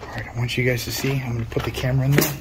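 Speaking rapid-fire in a level, medium-pitched voice, this man vlogs as he explores an abandoned building gutted by fire. His hushed commentary alternates with loud calls into the dark. Sound is recorded on a noisy handheld camera mic.

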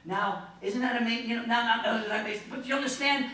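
Pastor guy preaching in an echoey church, bright voice, kinda far from the mic. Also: very high voice, very fast. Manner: emphatic preaching with playful asides. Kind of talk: sermon. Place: church sanctuary.

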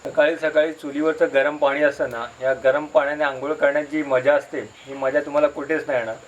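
A man's voice: fairly high pitch, little pitch movement, brisk, highs cut off, slight background noise. A man with a Konkan Marathi accent vlogging casually outdoors, chatty and teasing as he shows things to his viewers. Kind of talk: casual village vlog narration. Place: outdoors in a village and forest. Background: insects and birds.

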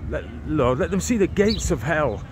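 An Englishman in his forties, with a fairly high, lively voice at a moderate pace, prays and preaches fervently while walking down a residential street. He films himself on a phone held at arm's length, often rambling and restarting his words in this walk-and-talk vlog. Passing traffic and street noise fill the outdoor background.

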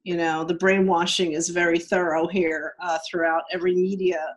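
A woman's voice: lowish voice, flat delivery, normal speed. Chatty woman with a New York accent. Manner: chatty and rambling, with many fillers. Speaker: webinar participant. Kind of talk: casual conversational chat.

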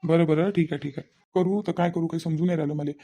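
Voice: medium pitch, steady tone, fast, warm tone, breathy edge. A performer voicing a young husband in a cartoon, coaxing and pleading, caught between wife and mother, with a Vidarbha Marathi accent. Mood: helpless. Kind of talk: cartoon voice acting.

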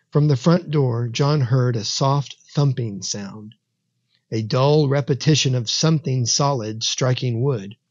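Slow, measured male horror storyteller. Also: mid-range voice, a little mellow, no room sound, muffled recording. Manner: slow, measured, dramatic delivery. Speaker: narrator. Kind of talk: scripted horror story narration.

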